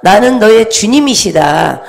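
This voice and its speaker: Woman voicing the Lord, slow and solemn. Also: medium pitch, expressive, creaky. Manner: slow, archaic commanding speech. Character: the Lord, solemn fatherly male divine voice.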